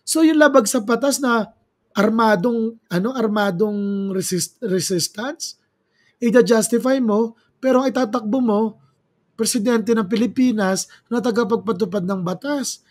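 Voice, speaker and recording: Very high-voiced Filipino man, dramatic chat. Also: measured pace. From Philippines. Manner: chatty, dramatic, exclaiming, mixing in English phrases. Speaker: political commentary vlogger. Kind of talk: casual commentary.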